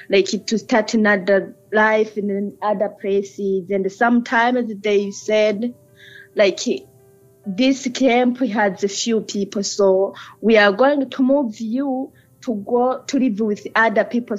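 A woman with a Burundian accent speaks English as a later language, recalling her life in an interview. She talks at an unhurried pace, and the sound is dull and lo-fi with music behind her. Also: mid-range voice, fairly even intonation. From Burundi, grew up in Tanzania. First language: not English, learned it six years ago. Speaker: interview guest. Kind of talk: personal recollection in an interview.

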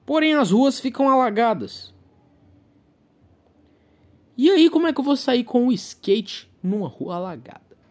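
A man's voice: high-pitched, a little mellow. A young Brazilian man with a Brazilian accent, delivering a profane comic rant monologue. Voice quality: profane, ranting.

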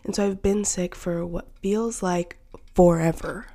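A woman's voice: fairly low pitch, fairly even intonation, unhurried, mellow. A young woman hosting a podcast in casual chat, slightly nasal from a cold, bubbly with whispery asides. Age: young adult. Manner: chatty, bubbly, frequent slips into whispery asides. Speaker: podcast host.

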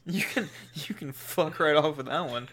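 A man's voice: a little high, normal speed, background noise. Man, streamer, crude jokey banter, laughs a lot, close mic, home voice chat. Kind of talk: casual stream banter with friends. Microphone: close-up microphone.

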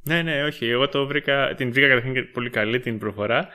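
Bright-voiced Greek man, hesitant. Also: medium pitch. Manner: hesitant, many fillers while reasoning. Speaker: podcast co-host. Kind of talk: casual film discussion.

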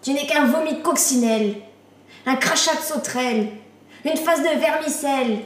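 A woman's voice: high voice, normal speed, distant mic, natural voice. A woman voicing a nasty old witch who taunts a boy with silly insults in a sing-song, mocking way. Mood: squabbling. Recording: roomy echo.

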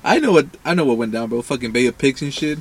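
A man's voice: medium pitch, expressive, quick pace. A man from Mexico chatting casually, joking and sarcastic, swearing often. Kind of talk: casual profane chat.

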